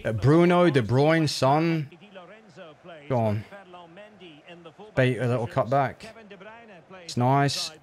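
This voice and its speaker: A man giving live commentary on his own football video game match, excitable, jumping from low groans to loud yelps. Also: slow, long pauses. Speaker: gaming YouTuber.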